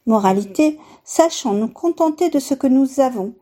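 A woman hosting a youth literature program, reading a tale aloud in a clear, measured storytelling voice. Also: high-pitched, animated, dark tone. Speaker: radio program host and reader. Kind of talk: scripted narration of a tale and book review.

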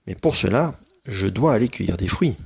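A clever little girl from a storybook, eager and pleading, as a man reading aloud puts her on. Under it the voice stays husky, with a gravelly edge. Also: lowish voice, expressive, normal speed, full character voice.

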